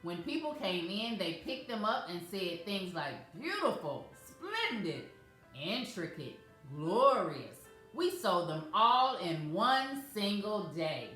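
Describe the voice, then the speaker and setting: A woman reading a picture book aloud to children as a storyteller, in a gentle, measured way. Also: mid-range voice, expressive. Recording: very echoey room, faint music.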